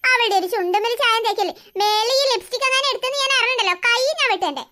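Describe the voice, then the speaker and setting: A woman's voice: very high-pitched, fast talker, background noise. A woman voicing a fussy cartoon mother of three who scolds and coaxes her children. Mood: scolding. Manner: scolding, nagging, coaxing. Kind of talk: cartoon voice acting.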